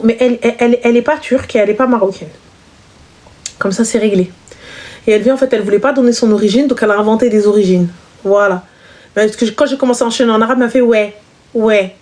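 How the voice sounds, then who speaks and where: A woman's voice: fast, long pauses. A woman hosting a live stream, chatting casually and teasingly with callers, switching between languages. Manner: animated, mixes French with Arabic and English, mocking shrill imitations.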